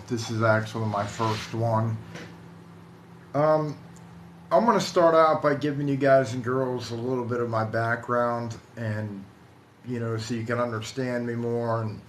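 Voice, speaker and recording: In a roomy, echoing space with faint background noise, an American man in his forties from Ohio talks casually to live viewers as host of a paranormal storytelling stream. His mid-range voice moves haltingly and conversationally, often doubling back on his words.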